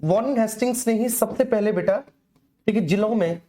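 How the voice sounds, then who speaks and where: A middle-aged woman teaches an exam-prep class with a warm, mellow voice. She repeats every key answer and speaks to her students fondly as children. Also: medium pitch, a little fast. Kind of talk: online exam-prep lesson.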